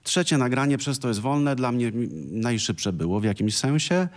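A man's voice: mid-range voice, normal speed. A man music critic on a radio panel in a studio, talking in an enthusiastic, expansive way with frequent exclamations.

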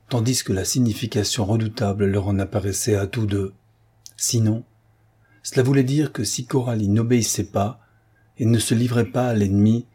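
A man narrating a classic novel in a grave, measured way. His voice is low, mellow and very husky. He reads with steady literary care. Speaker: audiobook narrator.

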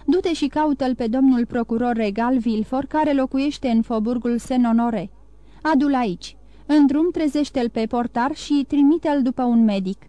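A woman voicing a calm, grave male count disguised as a priest, speaking in a measured way, in an audiobook. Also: high-pitched, no room sound, lightly acted.

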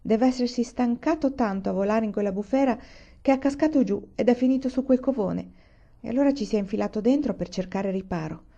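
A woman reading as a calm steady farmer father. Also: very high-pitched, fairly quick, vocal fry, pitched above the performer's own voice, exaggerated voice. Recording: muffled lo-fi recording.

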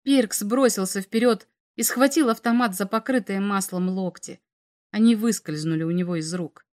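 A woman reading science fiction aloud as an audiobook narrator, measured and dramatic. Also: mid-range voice, a little mellow.

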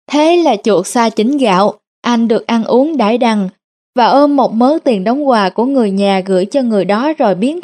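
Woman narrating a story, fairly high voice. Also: a little mellow.

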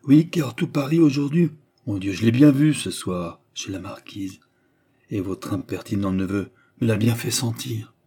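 A man's voice: on the low side, normal speed, warm tone, husky. A man reading aloud and voicing a scheming young widow who feigns distress in a dramatic, pleading way. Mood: indignant.

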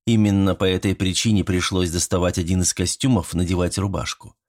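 A man reading a first-person audiobook story, with expressive storytelling and dry wit. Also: deep voice, a little fast. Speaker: audiobook narrator.

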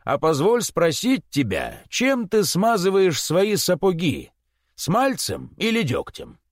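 A blunt, suspicious Cossack villager of middle years, put on by a male reader, grumbling and exclaiming with a lively, swinging voice. The reading sounds close and dry, as in a storybook recording. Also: sits high, slow pace, no room sound, voice pushed up, exaggerated voice. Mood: blustering.

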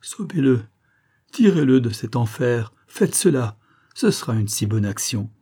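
A man's voice: medium pitch, very animated, a little slow, dark tone, slightly rough. A man reading a novel aloud and voicing a dying woman who confesses to a false testimony, anguished and pleading, repeating words in despair. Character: dying guilt-stricken woman, a former false witness. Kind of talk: audiobook reading.

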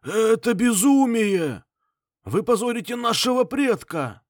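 Hoarse rattling old patriarch. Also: male voice, high voice, sing-song, measured pace, no room sound, studio quality, voice pushed up. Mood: shouting. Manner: shouting, pleading. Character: rattling frail old man, clan patriarch, indignant.

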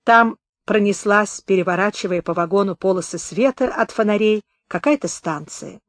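A woman narrating a memoir audiobook in a calm, even literary reading. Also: medium pitch, normal speed, no room sound, studio quality.

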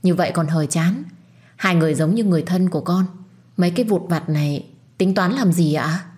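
A woman voicing a sweet-talking, smug young woman who flatters in a honeyed tone. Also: fairly low pitch, fairly quick, close to an everyday voice. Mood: sugary.

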